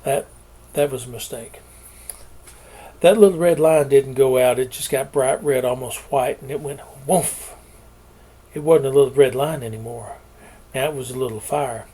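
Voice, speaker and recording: A man's voice: medium pitch, normal speed, pauses often, warm tone, husky. A middle-aged man, reading his own novel aloud and telling its backstory in a folksy way. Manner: folksy storytelling with homespun sayings. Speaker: author.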